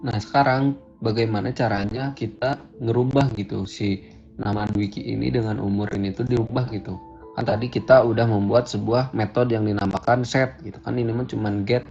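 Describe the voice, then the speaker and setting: This coding instructor talks through a screen-recorded programming lesson, casual and thinking out loud while he writes code. His lowish voice is gravelly and darkish, with fairly even intonation and a moderate pace. Faint music sits under dull, lo-fi audio.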